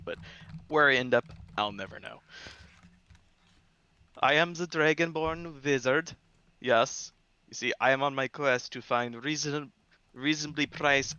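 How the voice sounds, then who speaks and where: A man voicing a very tall male dragonborn wizard with a put-on Swedish accent, deadpan and earnest, over a slightly muffled, dry mic. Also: mid-range voice, clear, resonant tone. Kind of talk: tabletop role-play in character.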